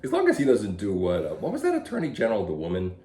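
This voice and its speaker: Deep-voiced, blunt man with roomy echo. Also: huge pitch swings, rapid-fire, dark tone. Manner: blunt, opinionated, chuckles often. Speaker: podcast co-host. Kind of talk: casual political chat. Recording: roomy echo, faint background hum.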